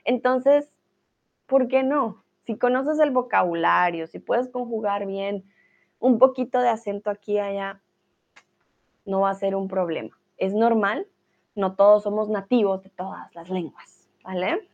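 A woman's voice: mid-range voice, measured pace, a little mellow. Encouraging woman teacher, dull lo-fi sound. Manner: encouraging, laughs often, says "¿vale?". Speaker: language teacher. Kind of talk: live online class, answering viewers' comments.

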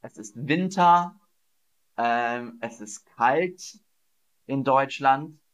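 A man teaching German in a livestream, repeating questions slowly and playfully acting out sound words for his viewers. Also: mid-range voice. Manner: slow, drawn-out teaching delivery with repeated questions. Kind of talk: livestreamed language lesson. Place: Berlin.

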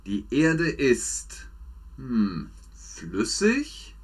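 Man, husky voice, very slow, lively pitch, German lesson for learners. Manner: slow, repetitive, exaggerated drills with lively pitch swings. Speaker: German teacher streaming to a chat.

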